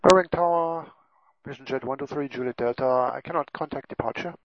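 A man's voice: medium pitch, a little fast. A man talking as a pilot over a cockpit headset radio, making clipped, procedural calls. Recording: muffled lo-fi radio audio.

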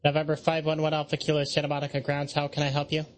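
Flat-toned male air traffic controller. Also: fairly high pitch, very fast. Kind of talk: procedural air traffic control radio calls.

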